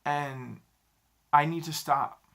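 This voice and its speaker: Gravelly-voiced man in his thirties. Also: a little high, steady tone, bright, forceful tone. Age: 30s. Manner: halting, self-critical, repeats phrases. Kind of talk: personal confessional vlog. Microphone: camera mic, talking to a camera.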